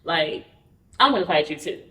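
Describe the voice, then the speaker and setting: A woman's voice: low-pitched, lively intonation, normal speed, a bit bright. A woman guest on a podcast telling her personal story frankly, acting out the voices of the people in it. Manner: frank, acts out quoted dialogue while recounting. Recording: roomy, distant mic.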